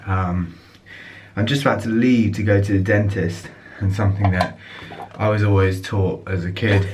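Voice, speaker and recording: A man's voice: low-pitched, a little mellow, a little hiss or hum. A young man, chatting casually to camera in a rambling, filler-heavy vlog. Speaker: vlogger.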